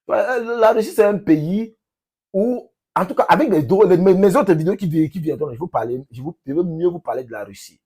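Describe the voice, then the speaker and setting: A man from Cameroon with a Cameroonian French accent, talking casually to his subscribers in an emphatic, repetitive, halting way. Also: high-pitched, expressive, warm tone. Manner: emphatic, repeats phrases, halting with restarts. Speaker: vlogger, language teacher.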